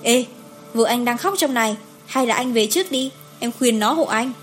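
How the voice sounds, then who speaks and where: A woman's voice: on the high side, normal speed, soft background music, natural voice. A woman voicing a blunt, sleepy young woman friend who grumbles and then soothes, in an audiobook story. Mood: placating. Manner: brusque, complaining, placating.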